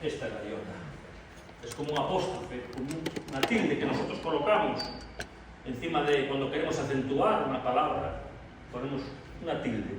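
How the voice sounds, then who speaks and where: A man from preaching an expository sermon to a congregation, emphatic and slowing down to stress key phrases, calling them brothers. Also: medium pitch, animated. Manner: addresses the congregation directly as brothers. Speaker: pastor. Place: church hall. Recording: echoey hall from far off, faint noise.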